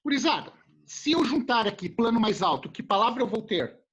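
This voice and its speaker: A male teacher, joking and animated as he explains things to his class. His pitch leaps around a lot, and his voice is a little husky. The recording sounds muffled and lo-fi. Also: fairly quick. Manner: animated, jokey, talks to students as a group. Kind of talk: casual classroom lesson.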